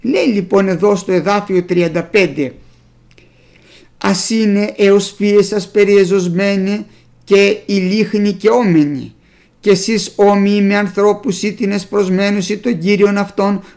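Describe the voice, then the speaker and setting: Preacher, sermon delivery, rough gravelly texture, mid pitch; reads scripture then explains it to the congregation. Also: steady tone, a little mellow. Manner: reads old scripture aloud and explains it plainly; speaks directly to the congregation as brothers. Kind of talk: sermon with Bible readings.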